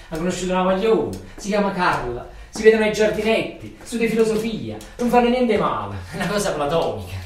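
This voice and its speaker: A high-voiced man with a Neapolitan accent performs a theatrical monologue as an embittered factory worker, rambling, ranting and muttering in colloquial, repetitive speech. He stands far from the mic in an echoey room or hall, and the distant stage recording carries faint noise.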